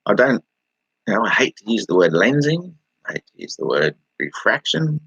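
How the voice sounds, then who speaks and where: A man's voice: lowish voice, very animated, moderate pace, a bit bright, breathy edge, no echo, dull audio. An Australian man rambling casually on a livestream, answering viewers and laughing as he talks. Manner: rambling, laughing, talking back to chat.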